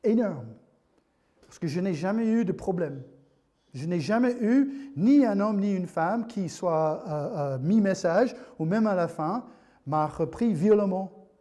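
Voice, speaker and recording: A man preaching a sermon in church, joking as he goes and often halting and restarting his sentences. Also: sits high, animated, dark tone. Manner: jokey, halting, with many restarts.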